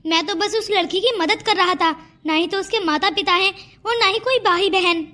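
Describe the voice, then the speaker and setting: A woman's voice: very high voice, moderate pace, sharp tone, slight background noise. A woman voicing a kind young man who pleads with his mother in a cartoon story. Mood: pleading. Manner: pleading, explaining. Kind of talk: cartoon voice acting.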